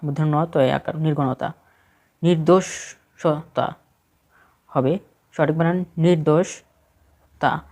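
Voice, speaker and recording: A man's voice: a little high, a little mellow. A man with a Bangladeshi Bengali accent reads a spelling list aloud for exam prep, steadily correcting each word in short phrases.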